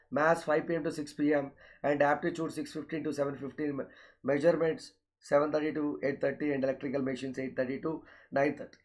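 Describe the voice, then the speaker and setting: With a slightly high pitch and darkish tone, a man with a South Indian accent speaks as an online coaching teacher. His announcements of courses and schedules are repetitive, and he frequently addresses the students directly, using filler okays.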